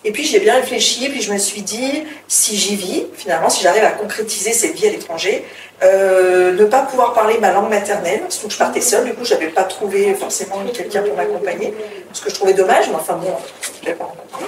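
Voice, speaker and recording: Speaking fast in a mid-range voice, a middle-aged woman from France tells her story during a casual interview, with lots of hesitations and restarts. The audio is roomy and distant, carrying a faint background hiss.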